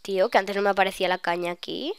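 Smooth-voiced young woman gamer. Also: mid-range voice, very fast, dry recording. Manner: chatty, excitable, bursts of shrieks. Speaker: gaming YouTuber. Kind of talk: live gameplay commentary.

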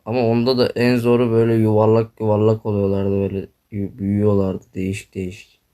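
A young man commenting on his own gameplay, groaning, swearing and complaining loudly as he plays. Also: lowish voice, completely flat delivery, fast. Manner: frustrated, swearing, groaning, yelping. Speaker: gaming YouTuber.

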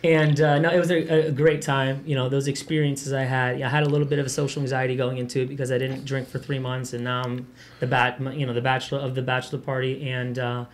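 A man's voice: mid-range voice, flat delivery, fast talker, hardly any pauses, slight background noise. A young man hosting a podcast in a loose, chatty way, swearing freely and laughing easily. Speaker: podcast host. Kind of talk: casual podcast chat.

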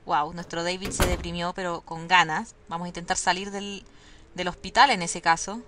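A woman's voice: on the low side, fairly even intonation, moderate pace, noisy background. A woman giving chatty, nervous commentary while playing a game and talking to viewers. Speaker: let's play gamer.

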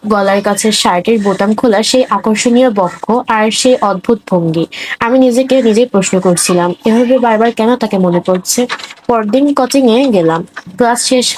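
A young woman narrating a first-person romance story in a soft, emotional way. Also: a little high, low-quality recording.

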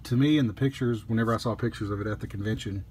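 A man casually reviewing a collectible statue at a table indoors, easygoing, with frequent pauses. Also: lowish voice, a little mellow, slight background noise.

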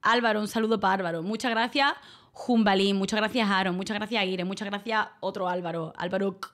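A woman's voice: medium pitch, fairly even intonation, fairly quick, a bit bright. A woman chatting casually on a livestream, rambling, laughing often and thanking viewers by name. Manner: reads out viewer names and thanks them. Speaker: livestream guest.

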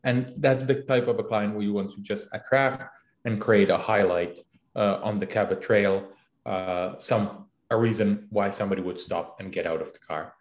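Man from the Republic, halting, in an echoey room. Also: on the low side. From Czech Republic. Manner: halting, many fillers and restarts. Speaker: CEO guest. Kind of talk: casual interview answers.

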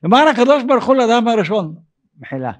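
An older man gives a rabbi's sermon in a fairly high voice. He speaks haltingly with frequent pauses. He rises into animated, raised tones when he acts out dialogue. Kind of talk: evening sermon.

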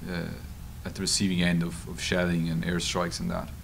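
An Irish journalist and author, being interviewed at a public discussion, answers halting and informally with anecdotes, speaking into a table microphone in a meeting room. His voice sits low with vocal fry, over steady background room noise.

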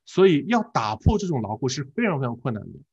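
A man teaching an English exam class in a live online lecture, speaking with an animated manner, asking the class questions and repeating words as drills. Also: medium pitch, fast talker, husky, muffled recording.

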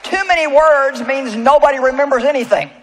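A woman's voice: high voice, brisk, a little hiss or hum, rough recording. A woman preacher giving a sermon to a live audience, emphatic and storytelling, often asking the crowd rhetorical questions. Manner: storytelling with personal anecdotes.

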